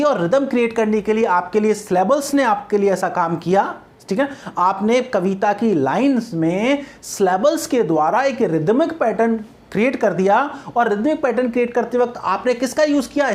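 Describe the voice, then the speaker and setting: A woman's voice: medium pitch, a little mellow. Woman teacher drilling stress patterns. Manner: repetitive, asks rhetorical questions, frequent "ठीक है ना?"; mixes English terms into Hindi explanation. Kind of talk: exam-prep lecture on poetry.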